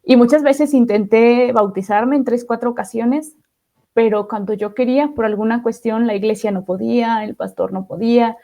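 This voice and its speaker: Reflective woman, mellow voice. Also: a little high, fairly even intonation, normal speed. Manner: reflective, often ends phrases with "¿no?". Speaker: podcast guest. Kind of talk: testimony interview.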